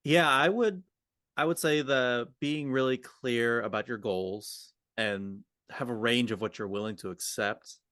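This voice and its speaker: Speaking a little slowly, the man has a mid-range, slightly bright voice captured dry in a clean studio. He co-hosts a podcast as a communication coach, explaining things spontaneously and often dropping in hypothetical lines of dialogue as examples.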